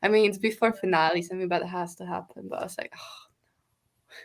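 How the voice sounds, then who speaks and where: This book podcast co-host has a lowish, creaky voice and talks fast in a steady tone. Joining a relaxed book discussion over video call, she rambles and peppers her speech with "like."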